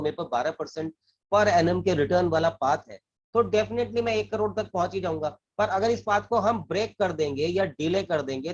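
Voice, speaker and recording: A man's voice: sits high, darkish tone, breathy edge. A man working as a financial advisor, earnestly explaining saving and investing, often repeating and restarting his phrases. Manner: earnest, repeats and restarts phrases, mixes English terms into Hindi. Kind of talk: explanatory talk to camera. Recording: dull lo-fi recording.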